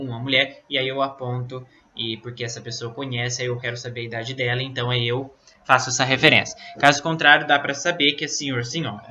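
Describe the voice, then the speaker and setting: A Brazilian man with a very bright, sharp voice at an ordinary pitch, teaching Italian in a loose, conversational way. He explains things patiently and keeps checking in with "né?" and "tá?". The recording is dull and lo-fi. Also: a little hiss or hum. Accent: Brazilian Portuguese. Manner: explains slowly, many fillers like "né?" and "tá?". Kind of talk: casual online language lesson. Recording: dull lo-fi sound.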